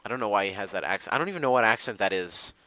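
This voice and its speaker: A man's voice: on the low side, expressive, very fast, sharp tone, no echo, poor audio. A young man giving casual gameplay commentary, rambling with many fillers and restarts. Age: young adult. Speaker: gamer.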